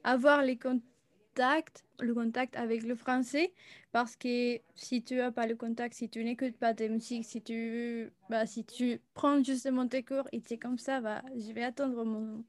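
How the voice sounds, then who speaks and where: A woman's voice: on the high side, level tone, measured pace, dry recording. Chatty woman teacher, dry close sound. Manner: chatty, lots of fillers. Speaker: French teacher. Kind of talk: casual conversation.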